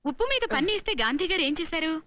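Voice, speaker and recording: An actress playing a clever, scheming wife who talks in a brisk, quizzing way. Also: female voice, extremely high pitch, animated, bright, forceful tone, heavily acted. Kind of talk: film dialogue.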